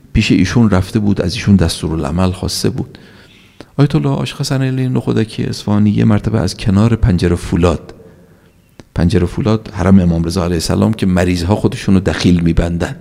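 A man's voice: on the low side, vocal fry, dark tone. A man giving a religious sermon with emphatic delivery, his voice swinging up on key points and posing rhetorical questions. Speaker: preacher. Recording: long reverb of a large hall.

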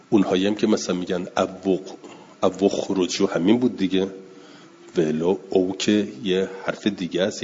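A deep, dark-toned man gives a slow, deliberate classroom lecture on Quranic recitation, reading out passages and then explaining them. His voice rings with a long hall reverb, and the recording sounds dull and lo-fi. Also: slight background noise. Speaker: teacher.

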